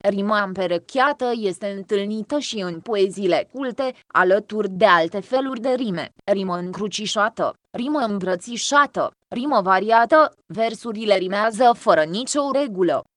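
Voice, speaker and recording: A woman's voice: medium pitch, no room sound, studio quality. Woman reading a textbook lesson aloud. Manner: even, measured reading of exercises and definitions. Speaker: textbook reader.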